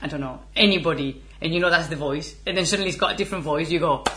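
A woman's voice: sits low, rapid-fire, noisy background. A woman, teaching a casual lesson and chatting as she goes. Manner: chatty, laughs often, switches between Spanish and English. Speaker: Spanish teacher.

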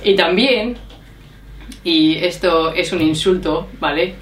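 A woman's voice: lowish voice, slow pace. Chatty woman in a roomy space. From Spain. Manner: chatty, laughing storyteller. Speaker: vlogger. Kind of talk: casual chat. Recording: roomy echo.

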